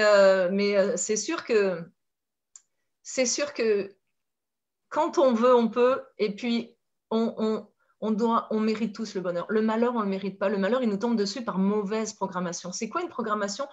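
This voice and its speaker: A woman from France with a French accent, a life coach talking in a lively, expressive way and laughing often. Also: mid-range voice, dull audio. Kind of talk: conversational talk with metaphors.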